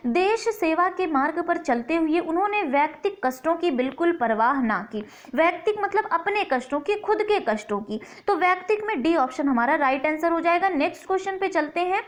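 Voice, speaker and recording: A woman with a very high voice leads an exam-prep lesson as the teacher. She explains each question step by step and slows down to sound out key words carefully. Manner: explains step by step, repeats words slowly to stress pronunciation.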